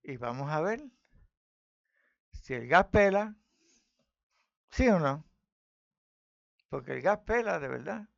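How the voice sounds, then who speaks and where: A man preaches on scripture, challenging and declaiming. His voice is gravelly and sits a bit high for a man. The recording sounds muffled and lo-fi. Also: lively intonation, takes it slowly, long pauses. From Puerto Rico. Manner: fiery, challenging, rising to loud declarations.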